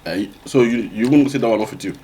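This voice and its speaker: A man's voice: medium pitch, fast talker, dark tone, low-quality recording. A man with a Nigerian accent chatting casually over soup, teasing and repeating phrases in Pidgin-flavoured English. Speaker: husband in a couple's mukbang video. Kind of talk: casual chat while eating soup.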